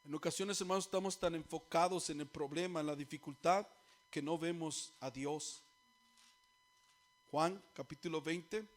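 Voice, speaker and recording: A male preacher giving a sermon, often asking the congregation questions and letting them finish his lines, then building up to louder, more urgent appeals. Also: on the high side, normal speed. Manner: call-and-response questions to the congregation; grows louder and more urgent toward the end. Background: faint music.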